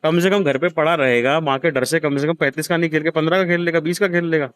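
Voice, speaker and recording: A man's voice: on the high side, steady tone, fast, fairly bright tone, smooth, no room sound. A man in his thirties, hosting, gives a blunt, profane scolding to a gambler in a harsh heart-to-heart lecture. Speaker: host counseling a gambler.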